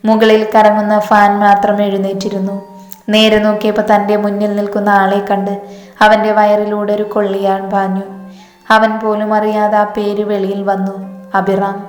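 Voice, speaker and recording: A woman's voice: medium pitch, monotone, normal speed. Woman reading a story in an echoey room. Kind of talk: scripted story narration. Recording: echoey room with soft music.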